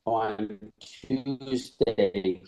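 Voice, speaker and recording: A police detective, a man, reading a report in a flat, formal way over a video call whose audio glitches and breaks up. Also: lowish voice, drawn-out words.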